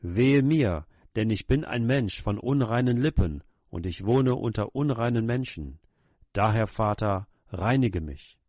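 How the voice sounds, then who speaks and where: A man's voice: lowish voice, lively intonation, a little slow, darkish tone, no echo. Middle-aged pastor guy praying, humble and pleading, dry close sound. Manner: earnest, humble, pleading prayer. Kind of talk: sermon prayer.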